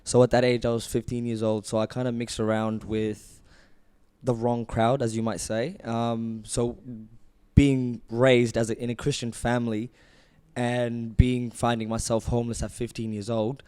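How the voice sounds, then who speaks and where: A young man from Ethiopia speaks at a middle pitch in a smooth, resonant voice. He tells his story in an earnest, reflective way, the way a brand founder talks on a relaxed podcast. His tone is sincere and steady throughout. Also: moderate pace. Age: 20s. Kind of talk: casual podcast chat.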